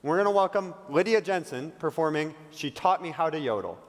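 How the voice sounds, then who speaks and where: Emcee, male, playful joke-teller, high lively voice, reverberant hall on stage mic. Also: a little fast. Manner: playful, joking storyteller. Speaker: master of ceremonies. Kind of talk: live variety show hosting with a joke.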